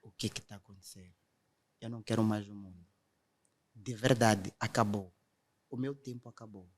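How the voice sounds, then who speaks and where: A man's voice: fairly low pitch, fairly even intonation, moderate pace. A young man, earnestly telling his conversion testimony in a podcast conversation. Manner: earnest storytelling, quotes others directly.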